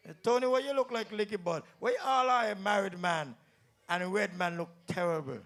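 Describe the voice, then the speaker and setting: On stage at a calypso tent in St Kitts, a comedian hosting the show ribs the crowd one person at a time in a Kittitian accent. He talks a little fast, his voice sitting high and slightly bright.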